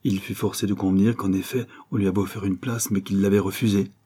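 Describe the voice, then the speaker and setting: A man narrating a novel in a measured, steady storytelling manner. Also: low voice, husky. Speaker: audiobook narrator.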